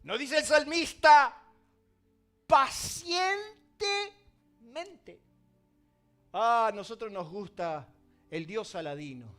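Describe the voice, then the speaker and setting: Argentine male pastor, high bright voice, dramatic sermon delivery with soft music beneath. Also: measured pace. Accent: Argentine Spanish. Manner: dramatic, swings from loud emphasis to quiet asides.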